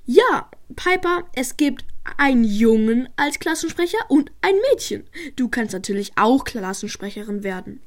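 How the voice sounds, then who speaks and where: A girl voicing a patient female class teacher who instructs slowly with small stumbles. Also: fairly high pitch, expressive. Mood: instructing.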